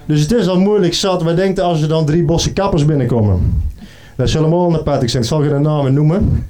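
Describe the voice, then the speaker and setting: A man, a comedian, telling comic stories in a chatty, animated way. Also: fairly high pitch. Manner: chatty, animated, doing quick voices. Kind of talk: comic storytelling monologue.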